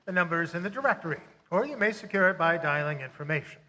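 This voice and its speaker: Man acting high-voiced, officious telephone operator. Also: expressive, fast, bright, forceful tone. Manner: formal, clipped, by-the-book. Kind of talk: radio drama acting. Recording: live theatre stage, long reverb, noisy.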